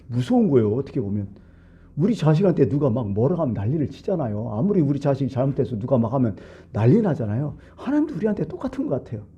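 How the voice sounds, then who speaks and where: Pastor guy giving a sermon, chatty plain talk, real dark husky voice, dull lo-fi church recording. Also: medium pitch. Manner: conversational, explaining scripture in plain everyday talk.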